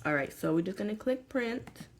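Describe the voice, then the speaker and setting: A woman's voice: mid-range voice, animated, moderate pace. A young woman casually explaining a do-it-yourself craft project at home, talking to viewers in a chatty way with lots of fillers. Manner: chatty, filler-heavy, addresses viewers as y'all and you guys. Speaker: small business owner. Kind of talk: casual tutorial vlog. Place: home room.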